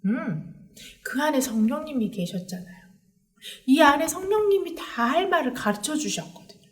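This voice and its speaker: A woman giving a children's sermon as a children's pastor, animated and asking the children questions as she tells the story. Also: sits high, normal speed.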